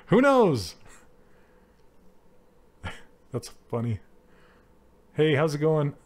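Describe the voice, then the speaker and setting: A man's voice: a little high, big pitch swings, extremely slow, long pauses. A man teaching 3D character sculpting on a live stream, chatty and laughing often as he works and answers chat. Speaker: 3D art instructor streaming live. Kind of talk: casual live-stream tutorial.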